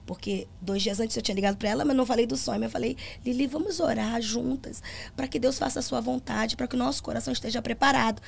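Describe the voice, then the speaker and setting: Middle-aged female pastor and singer, podcast testimony, gravelly voice pitched a bit high. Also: fast, slight background noise. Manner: earnest storytelling, acts out dialogue.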